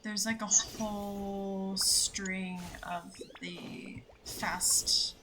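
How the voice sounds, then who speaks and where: Speaking very slowly in a steady, mid-range voice, a young woman has a casual gameplay chat with her partner, playful though hesitant at moments. The recording carries faint background noise.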